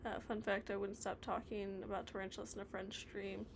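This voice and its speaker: Animating stop-motion on the floor at home, a woman chats on a livestream, reading out comments and drifting into mumbled asides. Her mid-range voice stays level, brisk, and carries vocal fry. There's a noisy background.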